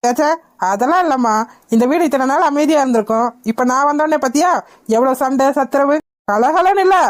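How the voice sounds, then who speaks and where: A woman's voice: high-pitched, fairly quick, lightly acted. A woman voicing a meddling, teasing relative in a cartoon who provokes the others with mocking remarks.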